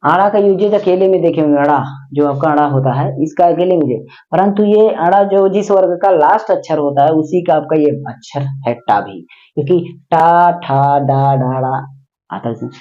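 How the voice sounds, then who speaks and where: A man's voice: a little high, moderate pace, dark tone. Man teaching grammar, dull lo-fi sound. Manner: repeats words and asks the class questions. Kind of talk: explaining a grammar lesson.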